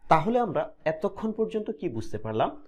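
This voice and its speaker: Lively man teaching grammar. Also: high voice. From Bangladesh. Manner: repeats each example slowly, asks and answers his own questions. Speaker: language teacher. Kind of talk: explaining grammar step by step.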